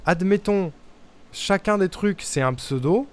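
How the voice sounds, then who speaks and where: A man's voice: high voice, expressive, unhurried, slight background noise. Young man puzzling aloud on stream. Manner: thinks aloud, testing guesses and muttering to himself. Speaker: streamer playing a puzzle game. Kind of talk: casual live-stream commentary.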